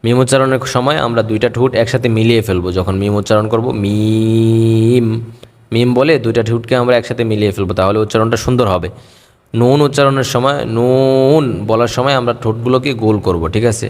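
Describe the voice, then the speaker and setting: A male teacher giving a patient pronunciation lesson on Arabic letters. He repeats each letter slowly, drawing it out in a half-sung way. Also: mid-range voice, big-room sound.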